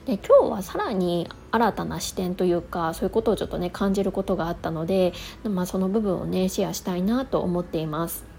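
Female host, soft mellow tone, casual and polite solo talk, faint ambient noise behind. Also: on the low side, a little fast, creaky, few pauses. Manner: polite, conversational, explanatory. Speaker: host of a daily morning radio-style show.

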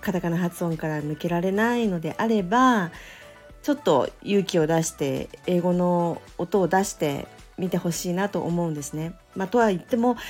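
Woman, pronunciation teacher, solo podcast, low pitch, gentle and thoughtful, faint background music. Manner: gentle, thoughtful, many fillers.

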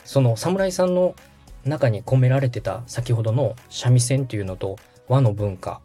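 With a warm, medium-pitched voice that has a breathy edge and lively intonation, a podcast host who works as a radio director coaches and interviews his guest. He speaks at a moderate pace, politely and instructively, over faint background music.

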